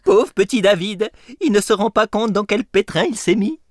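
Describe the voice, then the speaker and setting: A woman's voice: medium pitch, expressive, normal speed, heavy background noise, natural voice. Woman voicing a boastful cartoon kid. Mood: playful. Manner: boastful, playful.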